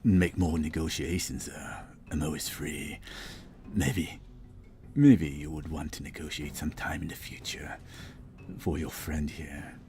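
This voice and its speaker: A man's voice: rumbling low, steady tone, mellow, soft background music. A man voicing a gloating devil in a tabletop game, drawing out his words with smug mockery. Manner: drawn-out, mocking, smug. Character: gloating, taunting male devil who relishes suffering.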